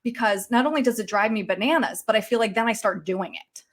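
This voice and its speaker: A woman co-host with a slightly high voice and an easygoing, conversational delivery. She drops wry asides as she talks, in the manner of a former TV news anchor. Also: fast talker. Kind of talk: casual chat.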